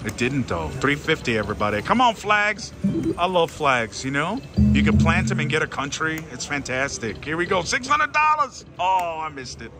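A man giving casual, excited, theatrical commentary as he gambles, repeating phrases pleadingly and addressing his viewers. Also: fairly high pitch, normal speed. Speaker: slot machine gambling vlogger. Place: busy casino floor at a slot machine. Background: slot machine music.

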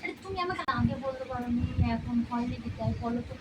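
A woman playing a wife in a comedy sketch, talking in a hushed, protesting and flustered way. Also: a little high, expressive, fast. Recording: loud background noise.

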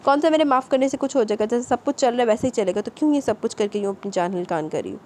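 A woman's voice: medium pitch, a little mellow, slight background noise, lightly acted. A woman voicing a stern angry feudal husband. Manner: scolding, stern.

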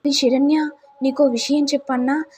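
A woman's voice: high voice, steady tone, normal speed, a little mellow, pitched above the performer's own voice, close to an everyday voice. A woman voicing a scheming young woman who taunts her mother-in-law and sister-in-law with gloating, mocking talk, in a retold family serial. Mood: sly concern.

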